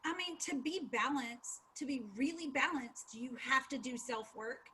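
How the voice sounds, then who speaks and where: High, bright-voiced woman guest. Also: moderate pace, a little hiss or hum. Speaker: podcast guest. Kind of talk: casual conversational interview.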